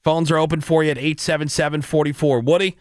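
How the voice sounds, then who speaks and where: A man's voice: on the high side, little pitch movement, fast, no room sound, clean studio sound. A man with an American accent hosting a morning radio show, bantering and running a phone-in contest. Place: radio studio. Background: music bed.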